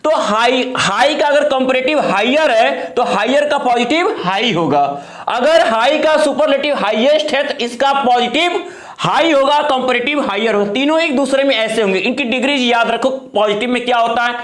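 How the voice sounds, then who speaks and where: A male teacher walks through the grammar rules one step at a time. He keeps asking his own questions and then answers them. His voice sits very high for a man, and the room around him rings with echo. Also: moderate pace, fairly bright tone. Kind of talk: classroom lecture.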